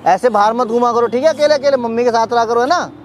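A young man talks quickly in a fairly high voice, urging and scolding with frequent repeats. He is recorded outdoors in a park, with faint street noise behind him. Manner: urgent, scolding, talks fast with many repeats. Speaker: YouTube creator. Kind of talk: outdoor prank-style vlog.

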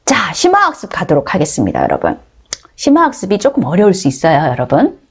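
A middle-aged woman teaching beginner English grammar with a Korean accent, drilling words slowly and coaxing her viewers. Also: fairly low pitch, huge pitch swings, vocal fry, slightly rough. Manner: addresses viewers often, coaxing and encouraging.

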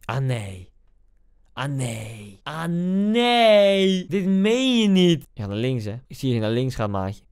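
A young man with a Netherlands Dutch accent commenting on his own football game, excitable and self-mocking, shouting at big moments. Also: mid-range voice, slow, clean tone. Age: young adult. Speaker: gaming YouTuber. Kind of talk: gaming commentary.

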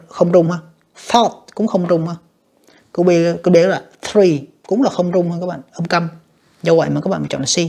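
With a mid-range voice that is a little mellow, breathy at the edges, and marked by vocal fry, an English teacher goes through exam questions. Every option is read in English, translated, and judged, frequently directed at "các bạn".

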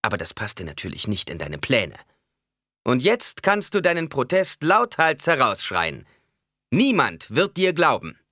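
A man's voice: medium pitch, expressive, moderate pace, a bit bright, dry recording, studio quality, pitched above the performer's own voice. A man voicing a stern, proud noblewoman who speaks with icy, commanding scorn. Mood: accusing.

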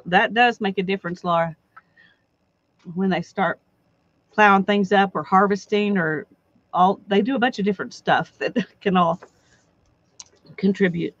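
A co-host chatting casually during a craft session, relaxed and brief. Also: medium pitch, unhurried, pauses often, dry recording. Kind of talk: casual chat. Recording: dull lo-fi dry sound.

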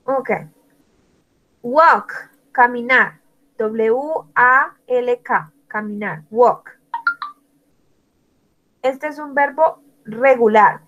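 A woman's voice: fairly high pitch, very slow, long pauses, fairly bright tone, muffled recording. A woman teaching an English lesson, spelling out words letter by letter and praising students by name. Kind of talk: online language lesson.

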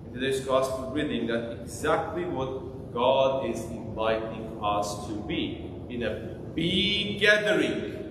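An Armenian-speaking priest in his thirties preaches to his congregation in a small church sanctuary, interacting with them by asking questions. His medium-pitched voice is animated but slow, with a noisy background. A far-off camera captures him, so the church sounds echoey and distant.

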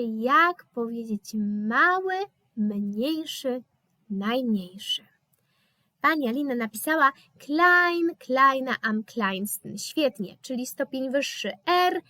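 A woman's voice: high voice, bright, forceful tone, no echo, studio quality. A woman with a Polish accent teaching German in a live online lesson, explaining patiently with hesitant fillers.

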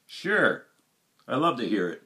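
A man's voice: medium pitch, big pitch swings, a little slow, pushed and bright. A man in his sixties making casual comic banter as a ventriloquist's straight man. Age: 60s. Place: small home room, indoors.

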